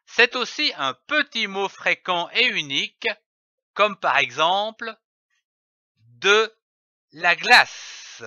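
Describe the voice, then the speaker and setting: Male phonics teacher, slow and careful, bright lively voice, dry lo-fi voice-over. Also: high-pitched, dry recording. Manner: spells out letters and syllables carefully. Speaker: reading teacher. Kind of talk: slow, deliberate phonics lesson.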